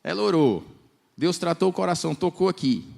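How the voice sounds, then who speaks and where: Animated young preacher telling stories. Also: male voice, a little high, fairly quick, vocal fry. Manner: animated, slangy, acts out quoted voices. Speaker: pastor. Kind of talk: lively storytelling sermon. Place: church congress hall.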